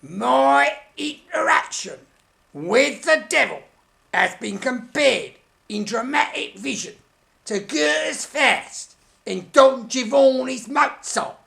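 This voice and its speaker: A hammy old-school male puppet thespian, vain and easily offended. The voice is high, sharp and heavily creaky, drawn out slowly with pompous theatrical relish in a comic puppet interview. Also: animated, full character voice. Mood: pompous, defensive. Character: vain hammy male puppet stage actor, Mr. Punch, touchy. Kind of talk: comic mock interview in character.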